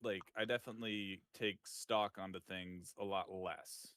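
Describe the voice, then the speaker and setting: Man, thirties, low bright voice, relaxed candid talk, dry sound. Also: unhurried. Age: 30s. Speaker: streamer guest. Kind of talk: casual chat.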